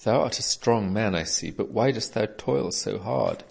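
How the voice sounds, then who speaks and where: A man reads a young hero of huge strength, earnest and formal, speaking in an old-fashioned tongue. The voice sits very low. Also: expressive, moderate pace, gravelly, breathy edge, exaggerated voice. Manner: archaic, formal speech.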